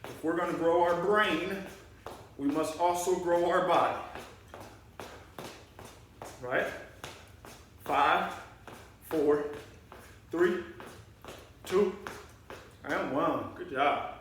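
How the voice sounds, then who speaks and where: A man's voice: a little high, takes it slowly, pauses often, a bit bright, slight background noise. A man teaching an elementary gym class by video, cheering kids on through exercises and calling himself by name in the third person. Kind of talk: leading a video workout class. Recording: roomy echo, voice from a distance.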